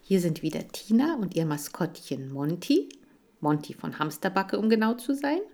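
A woman reading a children's story aloud to young listeners. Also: fairly low pitch. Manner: slow, lively expressive reading. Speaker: audiobook reader.

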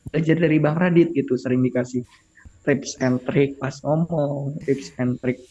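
A young man chatting casually as a guest on a podcast, playful and quick to laugh. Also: mid-range voice, fairly even intonation, mellow, breathy edge, lo-fi sound.

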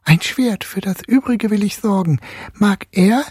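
A man's voice: sits high, a little slow, a little mellow, husky, dry recording, clean studio sound, pitched above the performer's own voice. Man doing a lisping, courtly nutcracker doll. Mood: earnest courtly. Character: enchanted wooden nutcracker, courtly young man.

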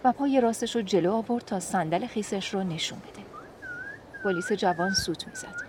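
Calm woman reading a story. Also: medium pitch, a crowd in the background. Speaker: narrator. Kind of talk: storybook narration.

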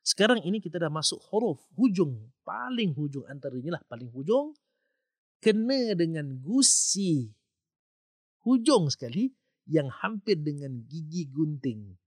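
In a dry, clean studio recording, a man with a Malaysian accent hosts a podcast lesson on tajwid. His voice is a little high and sing-song, a little slow, and he patiently repeats himself while sounding out Arabic letters.

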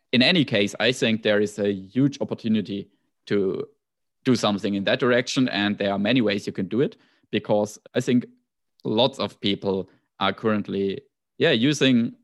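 Man, German accent, fairly low voice; relaxed podcast chat, restarts often mid-sentence. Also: normal speed. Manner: thoughtful, frequent restarts and asides. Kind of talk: casual podcast conversation.

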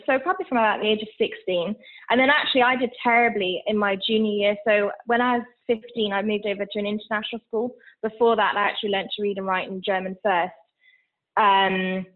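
A woman in her thirties from Switzerland with a mixed international English accent, chatting candidly as an interview guest, with many fillers. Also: medium pitch. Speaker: guest, founder of a business. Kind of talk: casual interview. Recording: tinny phone-like line.

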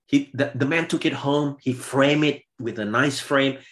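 A man preaching a sermon in a lively, animated way, often repeating and restarting words. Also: medium pitch, a little slow. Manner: lively preaching, rising loud when voicing scripture questions. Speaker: pastor.

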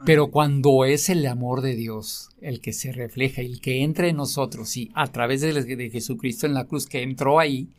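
Mexican-accented man, casual faith talk, earnest, rambling, fillers, tag questions, mid-pitched voice. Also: steady tone, normal speed, few pauses, darkish tone. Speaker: guest sharing his faith.

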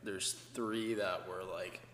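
A young man with a very low voice and a sharp, bright edge co-hosts a podcast and answers briefly in a relaxed way. The sound echoes in a reverberant room with a long tail. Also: slow, slight background noise. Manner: short, laid-back replies. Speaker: podcast co-host. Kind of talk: casual chat.

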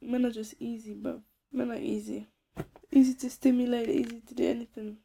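A woman in her twenties with a London accent tells stories in a casual, animated chat, full of slang and repeated words for emphasis. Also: fairly high pitch, fairly quick, vocal fry, a little hiss or hum.

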